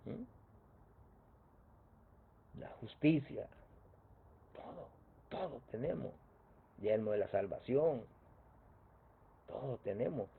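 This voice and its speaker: A man's voice: medium pitch, gravelly, slightly rough. A man preaching a sermon, repeating his phrases and asking rhetorical questions with a prompting "mm?". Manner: repetitive, rhetorical questions, asks "mm?". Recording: tinny phone-like sound.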